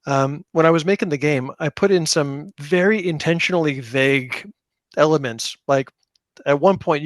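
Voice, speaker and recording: Here a slightly high-pitched man, recorded dry, chats as a guest on a podcast interview. The tabletop game designer describes his own work in a relaxed, self-deprecating way.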